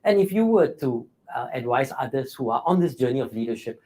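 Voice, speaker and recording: A man's voice: mid-range voice, animated, a little fast, warm tone, low-quality recording. A man hosting a live leadership interview. He affirms his guest's points and reads out viewer comments, with many fillers. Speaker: host.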